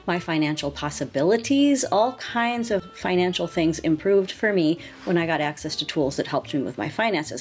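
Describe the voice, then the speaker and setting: A woman in her sixties hosting her own channel, talking to camera in an earnest, gently encouraging way. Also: on the low side. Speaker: lifestyle channel host. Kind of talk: casual talk to camera.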